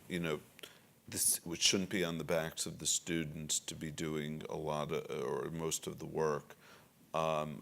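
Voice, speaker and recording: Low gravelly male moderator. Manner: probing, conversational questions. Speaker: panel moderator. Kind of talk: panel discussion.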